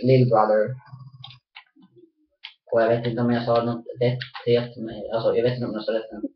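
A woman's voice: extremely low pitch, level tone. A woman chatting casually while playing an online shooter with her sibling, rambling, cursing at the game and fussing protectively over the other player. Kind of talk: casual gaming chat. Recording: dull, roomy, off-mic home recording.

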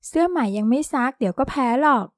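A woman doing a loud, bubbly teenage girl. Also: high-pitched, expressive, quick pace, no echo, studio quality. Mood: chatty. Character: chatty, excitable teenage girl, the shop's daughter.

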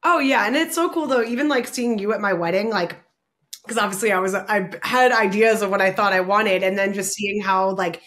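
A woman photographer, a guest in the conversation, talking casually in an animated, chatty way with many fillers. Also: mid-range voice, brisk.

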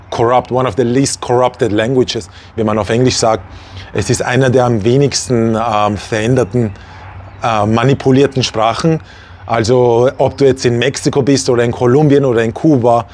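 A man in his forties from Vienna talks straight to camera in accent-free standard German, lively and chatty. He gestures as he speaks and fills his talk with little asides and fillers. His voice sits at an ordinary middle pitch, recorded in a small indoor room. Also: slight background noise. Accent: standard High German, no regional accent. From Vienna, Austria. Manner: animated, gestures a lot, many fillers and asides. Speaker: language teacher and channel host.

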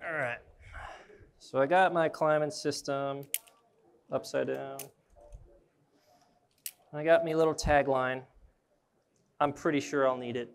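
A man's voice: mid-range voice, steady tone, slow pace, vocal fry, long pauses, clear, resonant tone. A young man, an arborist trainer, giving a casual live demonstration at an indoor trade show booth and thinking aloud as he handles his gear.

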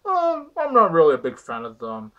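A man's voice: on the high side, huge pitch swings, normal speed, fairly bright tone, highs cut off. A young man voicing a foul-mouthed, cheerful little toy Santa in an amateur comedy skit. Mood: crude. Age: young adult. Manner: crude, swearing. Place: small bedroom indoors.

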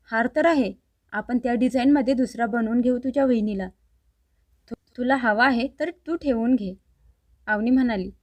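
A woman with a fairly high voice reads a family drama story aloud, giving every character's lines in her own voice. The recording is dry and close, with no room sound around her. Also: darkish tone, no echo. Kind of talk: scripted narration of a family story.

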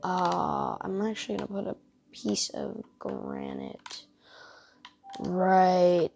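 Woman, gaming commentary, tired, rambling, self-mocking, slow delivery, vocal fry. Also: fairly low pitch, wildly swooping pitch, a little mellow, soft background music. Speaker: gaming channel host. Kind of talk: casual let's-play commentary.

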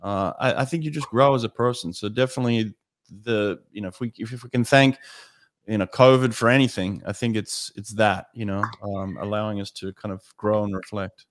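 A man's voice: fairly low pitch, brisk, no echo. A man in his fifties hosting a podcast in a casual, reflective conversational style. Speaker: podcast host. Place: small home studio indoors. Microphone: close boom-arm podcast microphone, headphones.

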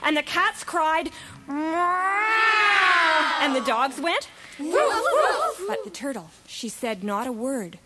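A woman's voice: sits high, normal speed, hardly any pauses, heavy background noise. Woman reading a rhyming children's tale. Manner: lively, expressive, sing-song reading. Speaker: storyteller. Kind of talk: rhyming children's story narration. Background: music.

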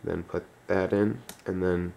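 Slow, low-pitched man dictating steps. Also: steady tone, vocal fry, dark tone. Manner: dictating, in short clipped fragments with pauses. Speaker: tutorial presenter. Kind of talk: step-by-step instructional dictation of key presses.

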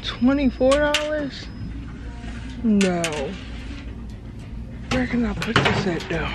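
A woman's voice: a little high, expressive, takes it slowly, heavy background noise. A young woman in her twenties chatting to a handheld camera as she browses a large store, talking to herself about what to buy. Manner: chatty, talks to herself while shopping. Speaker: vlogger. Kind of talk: casual vlog narration. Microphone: handheld camera at arm's length. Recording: music playing in the background.

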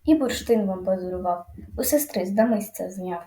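A woman's voice: medium pitch, lively intonation, brisk, dark tone, echoey room, lightly acted. A woman voicing a scared, sobbing boy prankster in a storybook reading, whining and pleading. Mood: sulky boasting.

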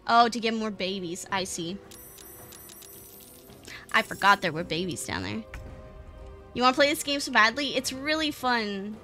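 Woman game streamer, slightly high voice, playful and chatty with casual swearing, game music underneath. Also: normal speed, long pauses, pushed and bright. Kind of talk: live gameplay commentary.

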